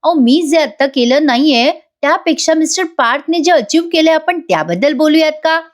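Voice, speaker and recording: Brief: bold young wife, sharp comebacks, raised pitch, voiced by a woman. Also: animated, brisk. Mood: assertive. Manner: assertive, retorting. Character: confident young wife facing reporters, sharp-tongued.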